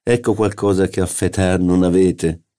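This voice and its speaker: A man's voice: sits low, steady tone, moderate pace, mellow, lightly acted. A man voicing a haughty, condescending older society hostess in an audiobook. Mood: scornful. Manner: condescending, affected.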